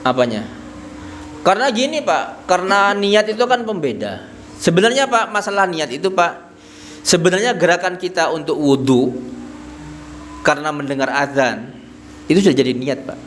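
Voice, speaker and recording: A man's voice: on the high side, lively intonation, moderate pace, long pauses, a bit bright, a little hiss or hum. A man giving an Islamic study lecture in a small prayer hall, addressing the men as "Pak" and posing questions to them that he answers himself. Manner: tags nearly every phrase with "Pak". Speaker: Islamic religious teacher. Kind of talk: mosque study-circle lecture.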